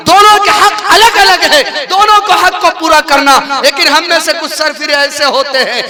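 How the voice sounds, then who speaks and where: High-voiced preacher telling a comic tale. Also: male voice, moderate pace, a loud crowd. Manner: animated storyteller, shouting punchlines. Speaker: maulana preacher. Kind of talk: jalsa sermon with comic storytelling. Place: outdoor religious gathering with crowd.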